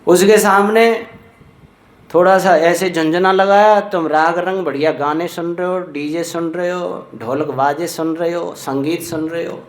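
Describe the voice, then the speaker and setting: A man giving a Vedic sermon as a swami, chanting Sanskrit verses slowly and then explaining them, telling stories with acted quotes. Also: fairly high pitch, steady tone. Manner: storytelling with acted quotes of a mother. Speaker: swami preacher. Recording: echoey room.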